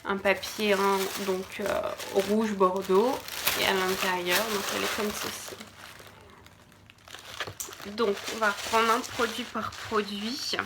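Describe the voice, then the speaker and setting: A woman's voice: mid-range voice, steady tone, takes it slowly, noisy background. A woman from France doing a casual unboxing video, hesitant, with many fillers and restarts, sometimes dropping to a murmur while she checks products. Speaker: beauty box reviewer.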